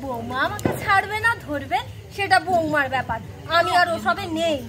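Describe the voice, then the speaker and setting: A woman's voice: very high-pitched, lively intonation, moderate pace, full character voice. A woman playing a tired older mother-in-law who has given up quarrelling, speaking in a resigned way on an amateur stage. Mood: weary. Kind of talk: amateur stage play acting. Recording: loud crowd noise.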